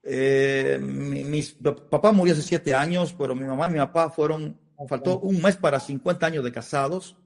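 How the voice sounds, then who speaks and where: Man, Dominican accent, priest, middle-aged, emotional testimony, fairly high pitch. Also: normal speed, gravelly, few pauses. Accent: Dominican Spanish. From Dominican Republic. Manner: earnest, emotional storytelling with repetitions. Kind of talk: interview testimony.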